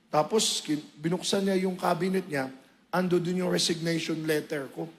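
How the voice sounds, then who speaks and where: A male preacher giving a sermon testimony, telling his story with animated, emotional swings into loud highs. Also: moderate pace.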